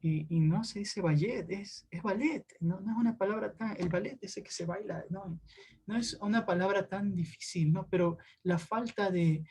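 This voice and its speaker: A man's voice: sits high, mellow, slightly rough. A man teaching an online class, talking in a hesitant way with tag questions to his students. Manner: hesitant, many fillers and restarts, tag questions.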